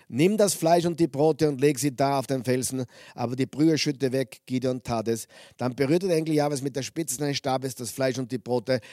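A man preaching a sermon, reading Bible passages aloud with lively emphasis and stopping to explain them to his listeners. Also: fairly high pitch, dry recording, clean studio sound.

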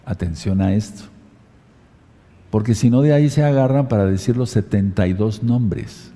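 A man with a low, very dark and mellow voice preaches a sermon. He spells out words letter by letter and reads scripture aloud. His voice carries a long reverb, as in a large hall. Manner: dictates letters and verses slowly to listeners.

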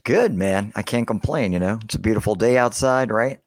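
A man's voice: fairly low pitch, brisk, dry recording, clean studio sound. A man co-hosting a casual podcast, tossing in wry jokes. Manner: joking, wry asides. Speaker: podcast co-host.

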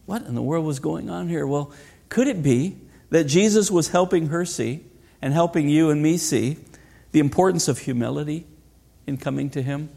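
A middle-aged male pastor delivers a sermon in an earnest, pressing way. He often poses rhetorical questions to the congregation, and his voice sits a little higher than most men's. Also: moderate pace, gravelly, warm tone.

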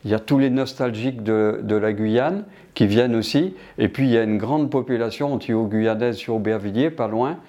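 A man's voice: medium pitch, fairly quick, hardly any pauses, mellow, muffled recording. An older man from Martinique answering interview questions about his business, hesitant with many restarts.

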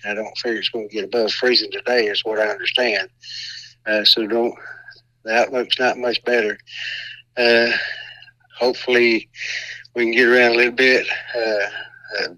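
Bright-voiced halting man in radio interview. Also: on the low side, dry recording, rough recording. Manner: halting, plainspoken. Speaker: county sheriff, interview guest.

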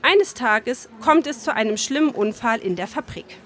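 A woman reading a literary story aloud, retelling parts of it in her own words with calm storytelling and the occasional filler. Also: on the high side, normal speed. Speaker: reader.

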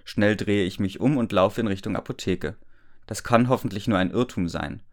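A man's voice: fairly low pitch, moderate pace. A man reading a story aloud for comedy, amused, often laughing and breaking off to mock the text. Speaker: reader and commentator.

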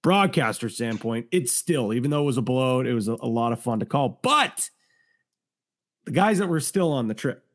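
Male co-host, medium pitch, casual podcast chat. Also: lively intonation, moderate pace. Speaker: podcast co-host and sports broadcaster.

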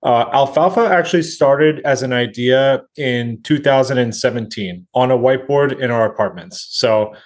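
Relaxed male guest telling a story. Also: medium pitch, normal speed, hardly any pauses. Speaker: restaurant co-founder. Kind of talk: interview guest.

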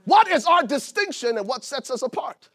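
A preacher from Liberia delivers a sermon with a high voice. He builds his points with rising emphasis and at times shouts them out to the congregation. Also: very animated, normal speed. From Liberia, West Africa. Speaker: pastor.

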